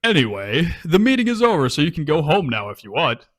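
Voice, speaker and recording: A man's voice: a little high, big pitch swings, brisk, fairly bright tone. A man voicing a confident young woman who leads a club, speaking in a breezy, lightly teasing way. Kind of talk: reading a visual novel aloud with friends.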